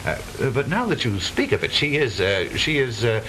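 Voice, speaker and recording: An actor playing a blustering, easily flustered middle-aged father in stagey 1920s comedy film style, halting and repeating himself. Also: mid-range voice, big pitch swings, pushed and bright, rough recording. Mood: sheepish, flustered. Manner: stagey old movie actor delivery, blustering, halting repetitions. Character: blustering, lonesome widowed father, flustered businessman. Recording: hissy 1920s film soundtrack.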